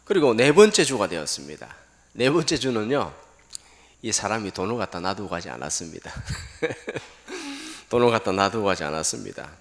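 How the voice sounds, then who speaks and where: A middle-aged male pastor delivers a sermon in a low voice that swings widely in pitch. He tells stories and presses the congregation with questions, sometimes raising his voice to a shout. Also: sing-song, normal speed.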